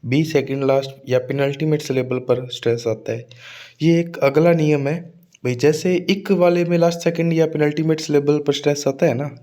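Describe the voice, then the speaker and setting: A man teaching an exam-prep English pronunciation lesson, speaking slowly and drawing words out to show stress, with frequent check-ins to his students. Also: mid-range voice, darkish tone. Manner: adds frequent tag checks like "ठीक है" and "है ना".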